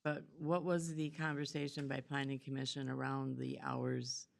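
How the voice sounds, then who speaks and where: A woman county commissioner asking questions and commenting at a public board meeting, measured and hesitant with fillers. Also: very deep voice, level tone, gravelly.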